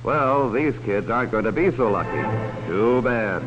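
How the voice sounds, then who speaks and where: Over music, a man with a medium-pitched, expressive voice close to his everyday one talks at normal speed. He narrates a 1950s educational film, folksily warning children about strangers through direct address and leading questions, heard on a dull, hissy soundtrack.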